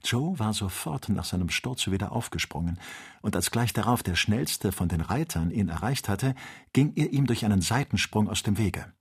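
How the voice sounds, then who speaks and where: Low husky male audiobook narrator. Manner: measured, even storytelling. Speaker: audiobook reader. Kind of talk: scripted narration of a classic novel.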